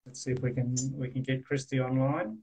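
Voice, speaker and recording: A man's voice: mid-range voice, fairly even intonation, a little fast, darkish tone, husky. A man hosting a casual live interview, talking with many hesitations and fillers. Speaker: host. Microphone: live stream.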